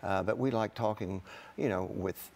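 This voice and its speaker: A man's voice: fairly low pitch, moderate pace, gravelly, a little mellow. A man, a farmer guest speaking plainly and earnestly in a TV studio interview, with many fillers, on a lapel mic. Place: TV studio set.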